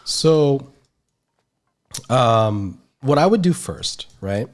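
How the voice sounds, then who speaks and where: A male art instructor teaches a lesson on a livestream, his medium-pitched voice animated, very slow, and stuffy and nasal from a blocked nose. His explanations ramble and are full of filler words.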